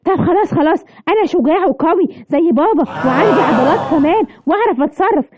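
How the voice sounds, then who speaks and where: A woman's voice: very high voice, lively intonation, very fast, background noise. A woman with an Egyptian accent voicing a brave, boastful little boy in a children's cartoon story, eager and bragging. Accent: Egyptian Arabic. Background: music.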